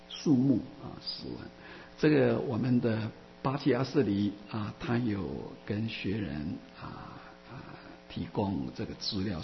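A man gives a Buddhist Dharma talk in a gravelly, fry-tinged voice, often stopping to restart his sentences and stretching out his fillers. His voice carries a long hall reverb. The recording is dull and muffled, with a faint hum underneath. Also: mid-range voice. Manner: halting, many restarts and drawn-out fillers. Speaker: Buddhist teacher answering questions.

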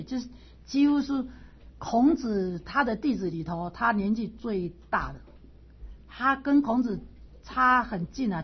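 A woman's voice: medium pitch, breathy edge, dull audio. A woman teacher explaining a classical text in a storytelling lecture style, repeating points and chuckling now and then.

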